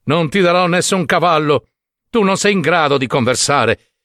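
A man's voice: fairly high pitch, expressive, moderate pace, fairly bright tone, dry recording, clean studio sound, voice pushed up. A man voicing a stern, dismissive old father who scolds curtly in a storybook reading. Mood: scolding. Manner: scolding, curt.

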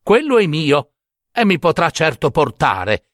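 A man voicing a cheerful, foolish young man who calls out eagerly in a raised, excited voice, in a read-aloud fairy tale. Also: a little slow, no room sound, studio quality. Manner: shouting eagerly, high and excited.

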